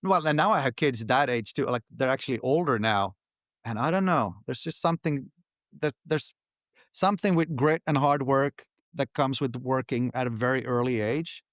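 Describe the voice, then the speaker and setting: A middle-aged man from Finland, answering interview questions in a relaxed, halting way with frequent restarts. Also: mid-range voice, dry recording, clean studio sound. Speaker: podcast guest, company founder.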